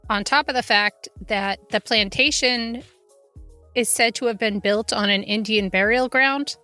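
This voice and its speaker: A woman's voice: a little high, sharp tone, no room sound. A woman hosting a podcast, telling history and ghost lore from notes in a conversational way with informal asides. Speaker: podcast host. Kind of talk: semi-scripted true haunting storytelling, conversational.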